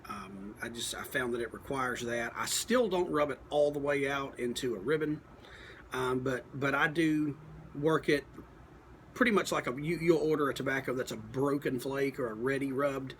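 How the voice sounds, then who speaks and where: A man with a medium-pitched voice talks through a review off the cuff. He pauses to think aloud and keeps his wording plain and folksy. A clear layer of background noise sits behind him. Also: a bit bright. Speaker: pipe tobacco reviewer. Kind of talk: casual product review, unscripted talk.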